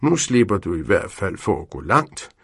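A patient old storybook inventor explains things gently in a raspy, gravelly voice, pausing often, as a man puts him on. His pitch rises a little above the narrator's and stays lively. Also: no echo, studio quality, heavily acted. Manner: patient, hesitant with "øh".

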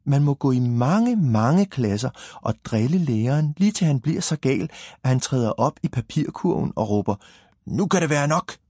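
Brief: man reading as a smug storybook girl, lightly raised and husky. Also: medium pitch, lively intonation, darkish tone, no echo, studio quality, voice pushed up. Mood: proud. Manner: proud, explaining. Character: know-it-all little girl, proud and confident.

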